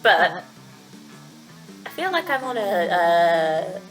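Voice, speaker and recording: A woman's voice: lowish voice, very animated, slow, distant mic, faint music behind, low-quality recording. A woman from the UK who giggles often and swears casually while reading game text aloud during a gaming livestream. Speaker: streamer.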